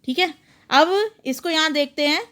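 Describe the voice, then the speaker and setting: A woman teacher, patiently explaining worksheet answers step by step and reading sentences slowly. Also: sits high, pushed and bright. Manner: patient, explains each example step by step, reads English slowly.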